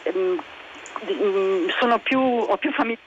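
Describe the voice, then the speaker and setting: A woman calling in as a guest expert over a phone line, explaining research hesitantly with many pauses and restarts. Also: mid-range voice. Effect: heard over a phone line. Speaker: guest expert on a radio call-in. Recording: dull phone line with faint noise.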